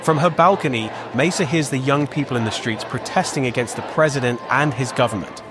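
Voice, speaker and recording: Measured male podcast narrator. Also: mid-range voice, a crowd in the background, background noise. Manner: measured and clear. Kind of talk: scripted narration.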